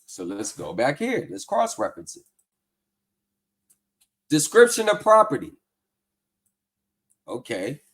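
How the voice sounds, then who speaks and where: This streamer's slightly high, fairly bright voice swoops wildly in pitch and turns creaky, with a slow pace and long pauses. Exposing scams, he reads a tax form aloud and casually, skeptically picks apart bad advice.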